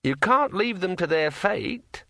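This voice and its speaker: A man voicing a pushy talking magic sword in a high, ringing, drawn-out voice. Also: big pitch swings, vocal fry, sharp tone, no room sound, clean studio sound, full character voice. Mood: threatening. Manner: slow and drawn out.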